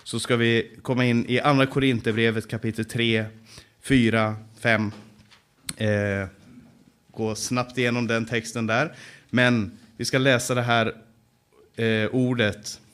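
Emphatic preaching man, loud then hushed. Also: medium pitch, level tone, clear, resonant tone. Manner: emphatic preaching that swings between loud stress and slow, hushed passages; repeats key phrases for effect. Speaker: Bible teacher. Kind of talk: sermon. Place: Bible conference gathering.

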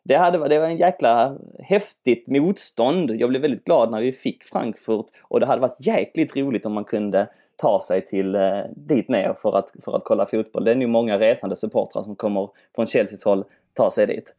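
A man's voice: medium pitch, few pauses, mellow. A man from southern Sweden, chatting casually as host of a football podcast, rambling with many fillers.

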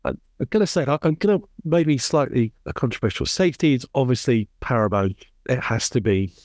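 A man's voice: mid-range voice, animated, a little fast, darkish tone, no room sound, studio quality. A man co-hosting a podcast, asking a long question with some hesitant restarts. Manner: hesitant, stumbling over his words while asking. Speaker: podcast co-host. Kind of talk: casual interview chat.

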